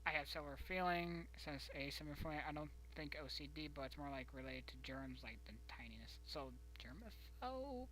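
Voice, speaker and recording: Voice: medium pitch, fairly even intonation, fast, few pauses, fairly bright tone, a little hiss or hum, low-quality recording. A streamer casually reading a post aloud and commenting, rambling with muttered, whispered asides.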